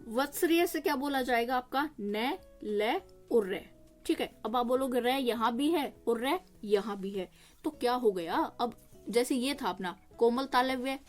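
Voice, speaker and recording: Higher-voiced woman teaching a grammar lesson. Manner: explains patiently, asking and answering her own questions; sounds out each consonant slowly for listeners to repeat. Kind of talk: exam-prep grammar lesson.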